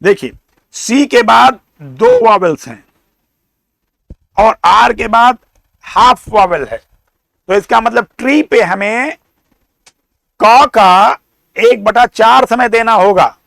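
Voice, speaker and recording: A man with an Indian accent giving a classroom lecture, explaining slowly, repeating and sounding out words. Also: sits high, lively intonation, creaky, a bit bright, no room sound. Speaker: teacher.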